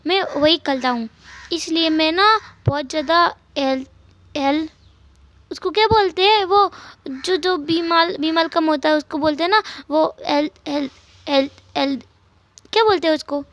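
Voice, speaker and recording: A woman voicing an excitable little boy who stumbles and halts while hunting for words. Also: high-pitched, no echo, pitched above the performer's own voice. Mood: chattering. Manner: stumbling over words, halting searches.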